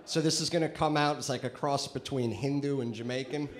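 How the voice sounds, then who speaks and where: A man's voice: mid-range voice, fairly even intonation, a little fast, a crowd in the background. A male stand-up comedian performing a conversational set with crude punchlines on a comedy club stage, into a handheld mic.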